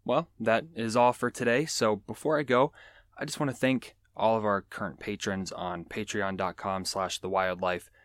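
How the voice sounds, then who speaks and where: A man's voice: lowish voice, fairly even intonation, moderate pace, no room sound. A man hosting a nature show, explaining animal facts in a casual, joking way with chatty asides. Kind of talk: casual educational podcast talk.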